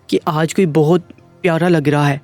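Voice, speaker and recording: A man's voice: fairly even intonation, darkish tone, faint music behind, close to an everyday voice. Muaz, a teasing young husband, read by a man narrator. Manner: teasing, low murmured tone.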